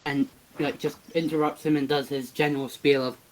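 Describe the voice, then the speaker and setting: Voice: mid-range voice, little pitch movement, a little fast, darkish tone, poor audio. A person casually narrating a fan-fiction story over a voice call, joking and restarting phrases. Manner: joking, loose, trailing restarts.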